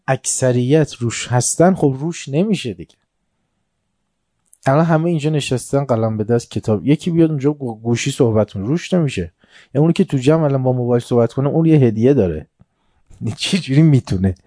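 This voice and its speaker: A man giving a religious lecture to a seated audience. He tells stories with quoted dialogue and recited Arabic, swinging from soft asides to emphatic points. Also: medium pitch, no echo, studio quality. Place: room before a seated audience.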